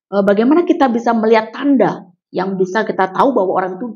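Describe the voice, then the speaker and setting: Woman pastor, middle-aged, quick speech, patient explaining, muffled lo-fi sound. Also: fairly high pitch, darkish tone. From Bali, Indonesia. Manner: explains patiently, many fillers. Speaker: pastor, guest. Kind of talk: casual chat. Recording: dull lo-fi podcast audio.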